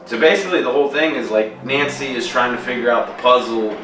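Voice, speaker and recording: A young man with a mid-range, fairly bright voice talks fast while co-hosting a podcast, rambling casually about horror films with plenty of fillers and frequent swearing. The recording has a little hiss or hum, faint music, and an echoey room, with him sitting far from the mic.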